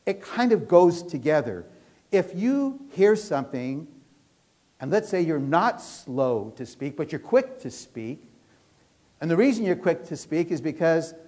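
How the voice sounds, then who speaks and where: A middle-aged man preaching a sermon in a church, earnest and animated, talking fast with many restarts. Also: a little high. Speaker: pastor.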